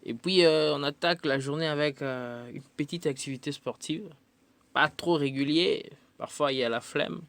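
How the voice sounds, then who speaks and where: A musician from the Democratic Republic of the Congo guests on a radio interview, answering thoughtfully but hesitating often with frequent fillers. His voice is on the high side and a bit bright, at a moderate pace.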